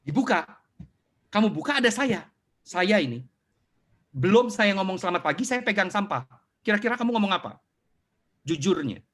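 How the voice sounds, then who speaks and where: A man's voice: sits high, moderate pace, long pauses. A middle-aged man giving a motivational talk online, answering questions and acting out little scenes for his audience. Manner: animated storyteller who acts out scenes. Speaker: motivational speaker.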